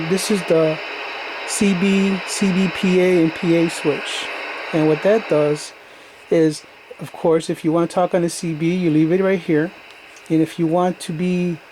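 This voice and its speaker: In a casual, hands-on product demonstration, a man walks through radio gear step by step, plain-spoken like a hobbyist. His voice is high-pitched and a little mellow, and the recording is noisy with radio static and background noise.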